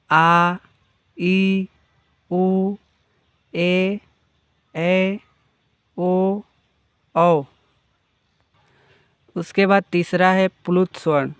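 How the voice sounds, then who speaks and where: Slow, clear-voiced male grammar teacher. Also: on the high side, dry recording. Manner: defines each term, then restates it. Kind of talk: slow, explanatory grammar lesson.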